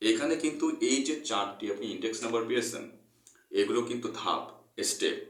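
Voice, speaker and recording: A man's voice: medium pitch, animated, quick pace, distant mic. Echoey man teaching English. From Bangladesh. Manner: earnest, repeats points, mixes English terms. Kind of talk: explaining a textbook lesson. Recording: echoey room, voice off-mic.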